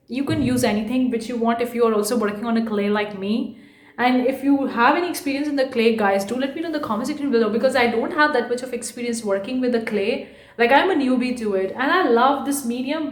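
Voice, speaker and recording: An art vlogger and online entrepreneur chats with her viewers in a casual, rambling vlog from her bedroom, often saying "guys" and admitting she speaks too fast. Her voice is on the high side, and the sound is roomy.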